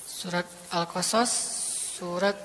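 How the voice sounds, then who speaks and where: A man giving a casual, storytelling sermon that swings between soft, hushed passages and rising, emotional ones. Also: high voice, fairly even intonation, slow, in a large hall, slight background noise. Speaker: preacher.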